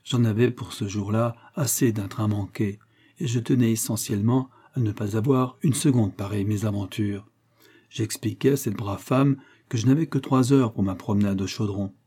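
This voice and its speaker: A man reading a classic short story aloud as narrator, measured and expressive. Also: lowish voice, slightly rough. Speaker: audiobook narrator.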